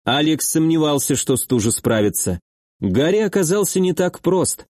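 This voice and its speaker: A man's voice: fairly high pitch, no echo. Man reading a fantasy audiobook, dry. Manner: steady, measured reading with acted dialogue. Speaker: audiobook narrator. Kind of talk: scripted fantasy audiobook narration.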